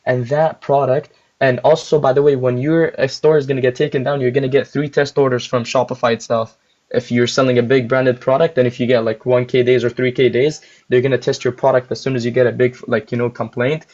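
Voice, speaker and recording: A man's voice: medium pitch, flat delivery, brisk, darkish tone. A young man chatting casually on a livestream as a guest store owner, rambling with lots of filler words while chewing gum. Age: young adult. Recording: muffled lo-fi audio.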